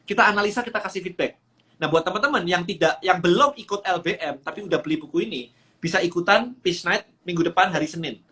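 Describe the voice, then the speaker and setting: A man with a somewhat high-pitched voice explains a business framework step by step. He talks like a coach on a phone livestream, mixing English terms into his speech. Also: quick pace, bright, forceful tone. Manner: explanatory, mixes English phrases. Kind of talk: Instagram livestream talk.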